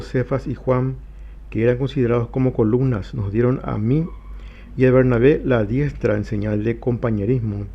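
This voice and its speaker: A man's voice: medium pitch, gravelly. Man teaching Bible study, lo-fi sound. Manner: reads scripture aloud slowly, then explains. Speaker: pastor.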